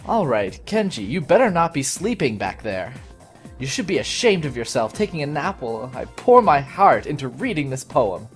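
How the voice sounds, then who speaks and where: A man reading aloud the lines of a petty, bossy female high school teacher from a game, keeping close to his own voice. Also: very animated, moderate pace, faint music behind, natural voice. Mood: scolding.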